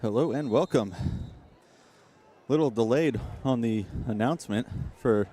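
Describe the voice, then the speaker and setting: A man doing casual play-by-play at a high school football game, out of breath and chatty, rambling between plays. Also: measured pace, warm tone. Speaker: play-by-play commentator. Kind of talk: casual sports commentary. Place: outdoor football stadium.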